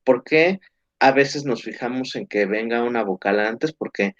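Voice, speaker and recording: A man's voice: medium pitch, a little slow. A man teaching an English grammar lesson, explaining patiently with frequent check-ins to the class. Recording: dull, muffled lo-fi sound.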